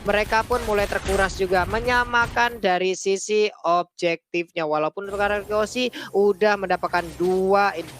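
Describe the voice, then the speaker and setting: A man's voice: high voice, steady tone, moderate pace, fairly bright tone. Male Indonesian esports caster, wordy and poetic, flowing commentary over faint noise. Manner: florid, wordy, poetic phrasing.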